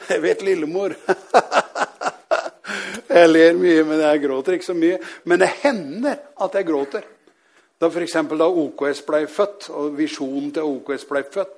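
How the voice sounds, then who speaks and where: Older pastor guy, high voice, storytelling sermon, gets fired up and chuckles a lot. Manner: animated storytelling, laughs often, rises to fervent emphasis. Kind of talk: sermon testimony.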